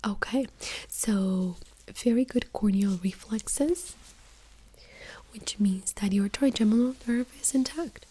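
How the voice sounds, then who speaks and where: A woman doing a whispered role-play as a doctor in a soft-spoken ASMR exam, gently giving step-by-step instructions in a breathy whisper. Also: mid-range voice, slow pace, low-quality recording.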